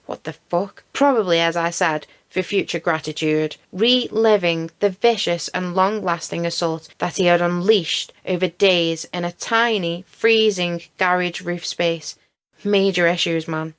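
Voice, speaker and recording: A woman's voice: lowish voice, unhurried, smooth. A woman hosting a true crime channel, recapping a case with outraged, emphatic commentary and swearing.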